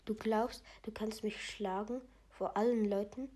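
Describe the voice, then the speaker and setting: A woman's voice: mid-range voice, fairly even intonation, a little slow, mellow, a little hiss or hum, natural voice. A woman voicing a mocking teenage boy bully who taunts in a sneering way. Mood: taunting.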